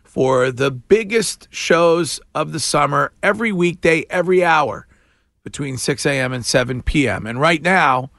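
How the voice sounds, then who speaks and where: A man's voice: on the high side, expressive, a little slow, gravelly, a bit bright, no echo, clean studio sound. A man working as a morning radio host, delivering a contest promo in an announcer-like manner. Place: radio studio.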